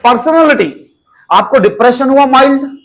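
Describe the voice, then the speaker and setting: A man's voice: very high voice, animated, moderate pace, a bit bright. A man, teaching nursing exam students in a direct, coaxing way and calling them his children. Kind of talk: lecture.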